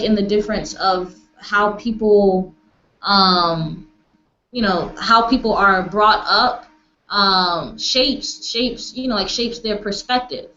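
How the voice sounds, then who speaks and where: Over a video call, a woman facilitates a casual online group discussion, speaking hesitantly as she searches for words. Her mid-range voice is bright and forceful, though the call audio is echoey, dull, and noisy.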